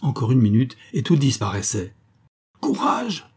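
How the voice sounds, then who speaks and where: Guy reading an old novel, low dark husky voice, steady pace. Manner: steady, measured storytelling. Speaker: audiobook narrator. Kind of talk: scripted narration of a novel.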